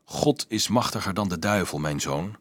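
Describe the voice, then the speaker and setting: A man voicing a kindly, gentle old monk in an audiobook, speaking softly and low. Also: lively intonation, moderate pace, no echo, exaggerated voice.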